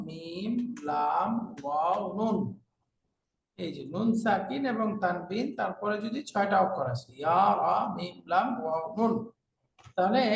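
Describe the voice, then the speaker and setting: A male Arabic teacher with a Bangladeshi Bengali accent giving a classroom lecture, slowly repeating terms and asking rhetorical questions. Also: high voice, gravelly. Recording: echoey room, far from the mic, faint noise.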